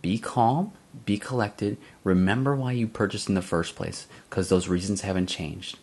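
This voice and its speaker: A man's voice: fairly low pitch, normal speed, darkish tone, husky. A man hosting his own channel, casually telling a story to viewers, often chuckling and calling them guys. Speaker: channel host.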